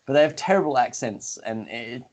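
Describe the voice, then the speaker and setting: A young man co-hosting a gaming podcast, chatting casually with quick, joking rants. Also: medium pitch, expressive, darkish tone. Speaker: podcast co-host. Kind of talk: casual chat.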